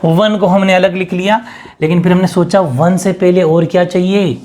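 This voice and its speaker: A man's voice: high-pitched, steady tone, moderate pace, a little mellow. A man teaching a maths lesson, mixing English terms into his speech and asking and answering his own questions.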